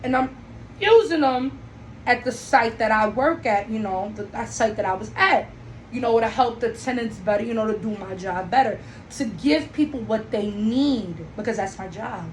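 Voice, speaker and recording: A young woman from Trinidad hosting a solo podcast, telling her story in a blunt, animated way and swearing freely. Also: on the high side, normal speed. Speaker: podcast host. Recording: echoey room, faint background noise.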